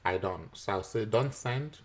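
Guy walking thru a software install, kinda low voice, lots of uhs and little laughs. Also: a little slow. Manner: chuckles often, frequent "uh" fillers; patient, step-by-step explaining. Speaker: teacher. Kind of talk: screen-recorded software tutorial.

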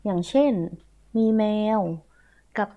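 A woman teaching a primary school English lesson online, patiently repeating and spelling words letter by letter. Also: slow. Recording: tinny phone-like audio.

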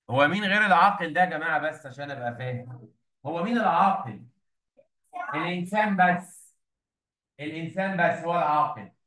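In an echoey room with a distant mic, a man with an Egyptian Arabic accent teaches an English revision lesson to a class. His fairly high, sharp voice patiently coaxes students and repeats key points.

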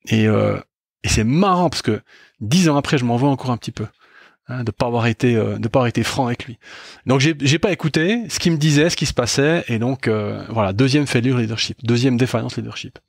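A middle-aged man hosts a podcast and tells a reflective story about his own failings. His voice is gravelly, and he speaks in an even middle register. The sound is dry and close, and he often pauses to restart his sentences. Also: mid-range voice, no echo. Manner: candid and self-critical, with frequent hesitations and restarts. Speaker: podcast host.

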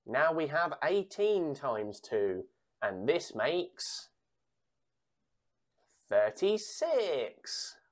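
A woman calling numbers like a bingo caller for children, reading out sums, pausing before each answer and repeating digits. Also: deep voice, very animated. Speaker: bingo caller for a children's times tables game.

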